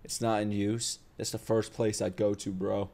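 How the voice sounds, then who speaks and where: Young man, low voice, profane reaction commentary. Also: little pitch movement, normal speed, gravelly, warm tone, faint music behind. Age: young adult. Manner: profane, slangy. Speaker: host of anime reaction videos. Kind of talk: casual, unscripted reaction commentary. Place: home living room with open kitchen. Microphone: close microphone on boom arm.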